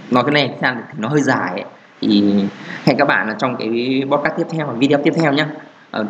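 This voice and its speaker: A man's voice: medium pitch, dull audio, slight background noise. Rambling man talking on a podcast. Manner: rambling with many fillers and restarts. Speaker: podcast host. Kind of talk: casual solo podcast talk on marketing.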